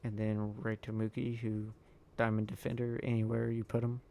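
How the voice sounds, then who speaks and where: A man recording a tired, halting voice-over over his own sports video game footage, full of ums and uhs. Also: little pitch movement, creaky, dark tone. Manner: low-key, halting, lots of ums and uhs. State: tired, yawning. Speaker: gaming YouTuber.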